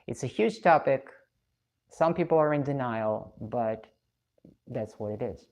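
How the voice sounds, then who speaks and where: Very low-voiced woman streamer. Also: measured pace, darkish tone. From Russia. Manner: chatty, reflective, laughs often. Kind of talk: casual live-stream chat reading comments.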